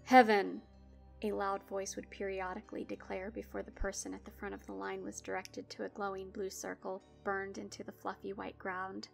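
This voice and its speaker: A woman's voice: medium pitch, creaky. A woman telling a spooky story in the first person, wry and dramatic. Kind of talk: scripted horror story narration.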